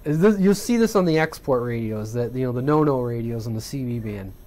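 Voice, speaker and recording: Slightly fast and lively, his mid-range voice has a mellow quality. The man is a CB radio hobbyist walking through equipment at his home radio bench in a rambling, self-correcting way, frequently asking "right?"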